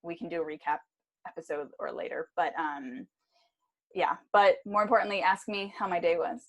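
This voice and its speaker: Young woman cohosting a chatty podcast, jokey and lively, voice on the lower side. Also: normal speed, a little hiss or hum. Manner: animated, joking, lots of restarts. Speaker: podcast co-host. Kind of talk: casual chat.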